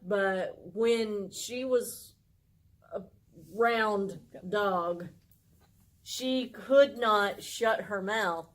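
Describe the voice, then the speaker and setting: A woman's voice: mid-range voice, very slow. A woman co-hosting a pet vlog, cutting in with joking, wry quips. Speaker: channel co-host. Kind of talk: casual chat about pets.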